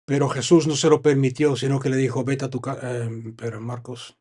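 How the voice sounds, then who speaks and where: A man with a Spanish accent from Spain, preaching a sermon and reading Bible verses aloud, with frequent pauses to comment and stress his points. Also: medium pitch, flat delivery, dark tone. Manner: reads scripture, then stops to comment and stress points. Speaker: pastor.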